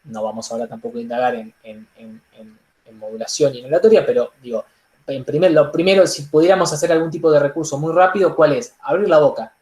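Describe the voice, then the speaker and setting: A man with an Argentine accent teaching public speaking in an online workshop, animated, with frequent "digo" and "entonces". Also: fairly high pitch, quick pace, reverberant. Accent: Argentine Spanish. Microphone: laptop microphone on a video call.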